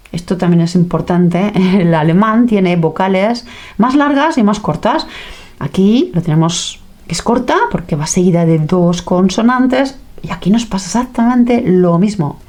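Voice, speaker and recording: A woman's voice: medium pitch, a little mellow. A woman teaching a language lesson in a playful way, acting out sounds and little reactions.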